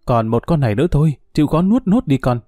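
A man's voice: on the high side, sing-song, fast, dark tone, dry recording, clean studio sound. A man voicing a desperate young mother who pleads and wails. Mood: coaxing. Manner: pleading, wailing.

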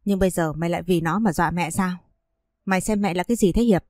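A woman voicing a sharp-tongued, scolding middle-aged mother-in-law who sneers at her son's wife. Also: lowish voice, fast, dry recording, clean studio sound, close to an everyday voice. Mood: indignant.

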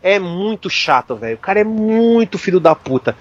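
A man who is a guest on a casual podcast, telling rapid, profane, animated anecdotes. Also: sits high, dull audio, soft background music.

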